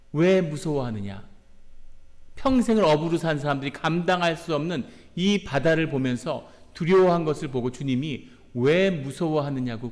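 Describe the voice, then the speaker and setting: A man's voice: mid-range voice, darkish tone. A man preaching a sermon as a pastor, earnest, acting out quoted prayers and rebukes. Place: church sanctuary. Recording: long church reverb.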